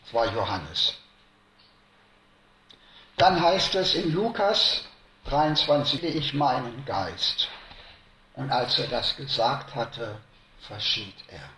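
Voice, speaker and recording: A man preaching a sermon to a congregation, slow and emphatic, rising to loud stresses and dropping to hushed lines. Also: medium pitch, lively intonation, reverberant.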